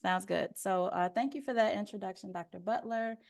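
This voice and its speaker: A soft-spoken woman with a gravelly, medium-pitched voice presents an informational webinar as a procurement officer, talking fairly quickly into a headphone mic on a video call. She explains steadily with frequent "um" fillers, and crowd noise can be heard.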